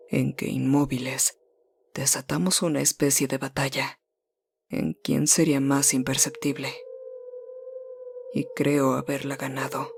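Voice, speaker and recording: A narrator reading a first-person horror story in a measured, suspenseful way, slowing down and dropping low at the tense moments. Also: vocal fry, slight background noise.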